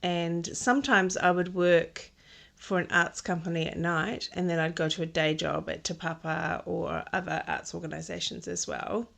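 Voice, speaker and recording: As a guest on a podcast, a textile designer talks casually and thoughtfully about her career path, full of ums and restarted sentences. She has a lowish, fairly bright voice with vocal fry and speaks at a normal speed.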